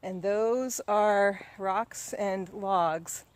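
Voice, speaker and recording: A middle-aged woman records a casual training update outdoors in the woods. She talks slowly and easily, relaxed and chatty. Her voice sits at a middle pitch, and she encourages herself as she goes. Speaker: vlogger. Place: outdoors on a woodland ride.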